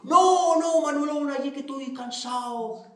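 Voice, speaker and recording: High whiny scaredy-cat village husband bragging, a man doing the voice, lots of echo. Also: moderate pace, recorded from a distance. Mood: sulky. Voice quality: high whining voice. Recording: very echoey room.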